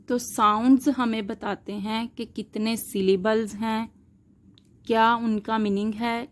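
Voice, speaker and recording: A woman gives a linguistics lesson at a slow, unhurried pace and a middle pitch. She explains step by step and spells out her examples letter by letter. She asks questions and answers them herself. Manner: mixes English terms into Hindi speech. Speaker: linguistics teacher. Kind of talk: explanatory lecture.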